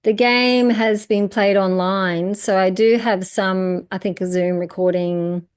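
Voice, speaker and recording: A woman with a medium-pitched voice speaks as a guest. She answers thoughtfully and laughs easily. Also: fairly even intonation, unhurried, clear, resonant tone. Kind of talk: casual conversation.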